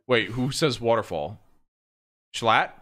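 Host, young American man, brash and sweary, lively voice that jumps around. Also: medium pitch, slow. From New York. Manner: animated, brash, swears freely. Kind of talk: casual interview chat.

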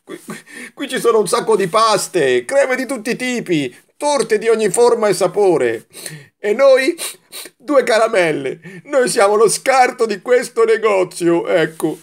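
A man's voice: sits high, expressive, a little slow, pitched above the performer's own voice. A man reading a children's storybook aloud, voicing a gloomy, complaining little male candy in a raised, strained voice. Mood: tearful. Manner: complaining, tearful and sulky.

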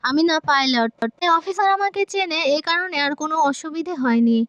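A woman's voice: sits high, lively intonation, moderate pace, a bit bright, no room sound, dull audio. A woman voicing a caring young man who insists protectively. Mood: insistent.

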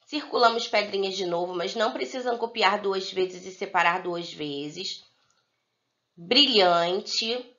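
Brazilian teacher lady doing a kids video lesson, drags words out slow, kinda muffled lo-fi audio. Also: mid-range voice, fairly bright tone. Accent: Brazilian Portuguese. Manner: slow, drawn-out word-by-word dictation for young pupils. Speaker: primary school teacher. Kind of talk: recorded video lesson for children.

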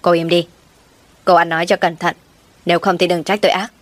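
A woman voicing a curt, harsh young husband in a told story, with a fairly low voice. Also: flat delivery, a little fast, no room sound, lightly acted.

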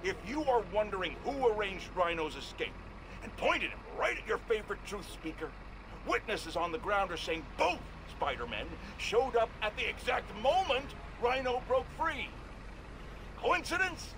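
A man's voice: high-pitched, sing-song, moderate pace. An actor playing a cranky, pompous older male talk show ranter in a video game, indignant and bombastic, over noisy game audio. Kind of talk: radio talk show rant.

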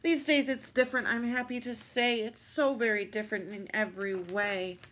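A woman reading picture books aloud at storytime, in a slow, expressive, playful way. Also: on the high side. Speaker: storytime reader.

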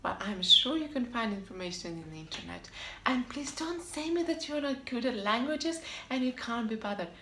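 A woman with a high-leaning, bright, forceful voice and lively intonation speaks at normal speed, with a little hiss or hum in the audio. She's an upbeat vlog host reading scripted living-abroad tips to camera, emphatic and repeating short punchy answers, in an echoey room with faint ambience.

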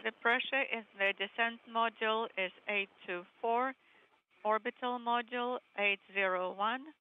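A woman interpreting technical space radio exchanges live, in a halting delivery. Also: a little high, steady tone. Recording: tinny, narrow phone-like line.

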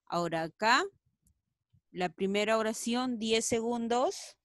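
A woman's voice: a little high, unhurried, no room sound. A woman teaching a children's reading lesson. She stretches each word syllable by syllable and coaxes her pupils to read along. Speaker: primary school teacher.

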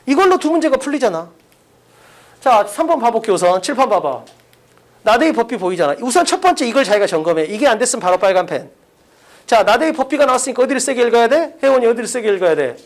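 A man's voice: extremely high pitch, sing-song, fast talker. A man teaching an English class in a casual, blunt way, quizzing students by name. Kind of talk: classroom lecture.

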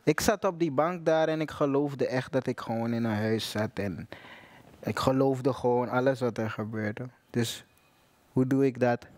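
A young man, an actor, talking relaxed and enthusiastically about his film role on stage. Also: mid-range voice, moderate pace. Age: young adult. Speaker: actor guest. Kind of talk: casual stage conversation.

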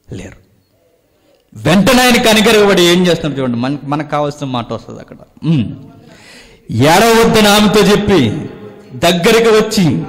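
A man with a Telugu accent preaching a sermon, swinging between loud exclamations and hushed, near-whispered lines. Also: medium pitch. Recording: long hall reverb.

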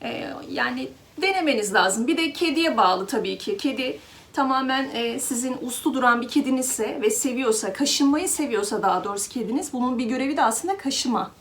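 A woman's voice: sits high, animated, brisk, a bit bright. A woman vlogger chatting casually to her viewers as she shows a pet grooming glove and talks to her cat. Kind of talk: casual product demo to viewers.

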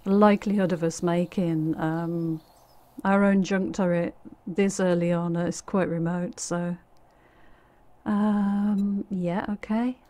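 A woman's voice: on the low side, steady tone, slow, dark tone. A woman giving casual let's-play commentary, chatty and thinking aloud with dry little asides.

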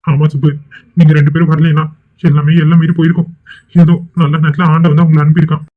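A man's voice: on the high side, level tone, quick pace, lightly acted. A man voicing a mild, conciliatory middle-aged father in a cartoon. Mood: calm. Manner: plain, conciliatory. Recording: tinny phone-like sound.

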